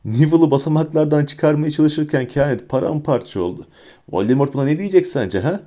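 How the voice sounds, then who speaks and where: A man reading a story, voicing a defiant teenage boy wizard who shouts back at his enemy. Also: on the high side, expressive, a little fast, voice pushed up, close to an everyday voice.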